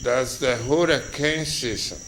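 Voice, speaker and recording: Over a cricket-filled, noisy recording, an old man in his eighties whose first language is Spanish tells slow, reminiscent stories as an interviewee. His medium-pitched speech wanders and halts, with fillers and little chuckles.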